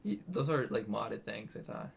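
A man's voice: lowish voice, lively intonation, normal speed, creaky, a little hiss or hum. A young man joking around over a casual game, blurting random words and echoing his friend. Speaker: co-player. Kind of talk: casual gaming chat.

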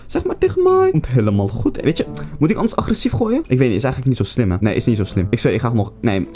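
A young man giving casual live commentary on his own mobile game, swearing often and swinging between glum mutters and excited yelps. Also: medium pitch, quick pace. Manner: excitable, swears a lot, jumps from groans to shouts. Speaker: gaming YouTuber.

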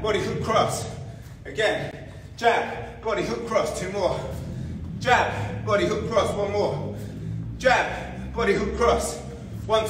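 A man coaching a boxing workout, calling out punch combinations and counts in clipped, commanding cues. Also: sits high. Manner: clipped, commanding short cues while demonstrating exercise. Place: large indoor boxing gym. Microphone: camera several metres away. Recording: echoey gym, distant mic, faint noise.

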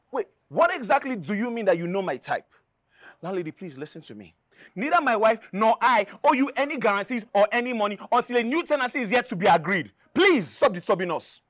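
A man in his thirties with a Nigerian accent, playing an affectionate but easily indignant husband in a film drama. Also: high voice. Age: 30s. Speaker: actor in a film. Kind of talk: Nollywood film drama acting.

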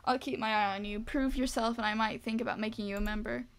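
A woman voicing a gruff old male guild keeper in a game, reading his lines in her own fairly high voice. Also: steady tone, fast talker, close to an everyday voice. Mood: ominous. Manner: reads game dialogue aloud in her own voice.

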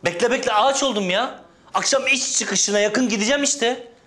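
A man's voice: very high voice, moderate pace, fairly bright tone. A man in his thirties playing a lovestruck, defiant, streetwise son with slangy, emphatic speech in a TV drama. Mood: pleading. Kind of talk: television drama acting.

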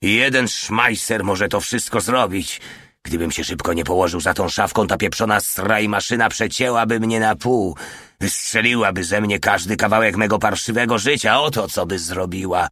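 Narrator plays a shaken, crude corporal, low, rambling. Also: male voice, moderate pace, sharp tone, dry recording, clean studio sound.

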